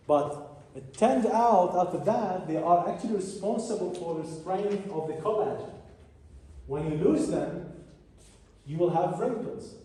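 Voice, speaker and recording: A man's voice: high voice, warm tone. Man lecturing in a very echoey room. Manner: halting, repeats and restarts phrases while explaining. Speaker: biochemistry lecturer. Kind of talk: classroom lecture. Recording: echoey room from far off, faint hiss.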